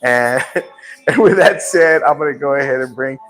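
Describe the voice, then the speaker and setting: A man's voice: normal speed, fairly bright tone, soft background music, rough recording. A man in his fifties hosting a live lifestyle show, teasing his co-host in joking, playful chat. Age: 50s. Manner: teasing, playful, jumps high in pitch when joking. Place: indoor studio set with a painting behind.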